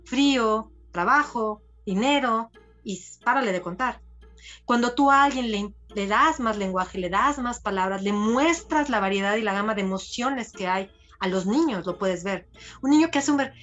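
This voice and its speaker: A higher-voiced woman talks in an expressive podcast conversation and slips into other people's voices as she quotes them. The audio is dull and lo-fi, with faint music underneath.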